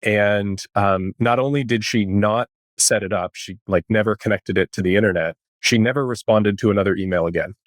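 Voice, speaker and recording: A man's voice: fairly low pitch, a little fast, few pauses, dry recording. A man speaking as a startup founder in a candid, casual interview, with a tech-bro manner heavy on venture jargon.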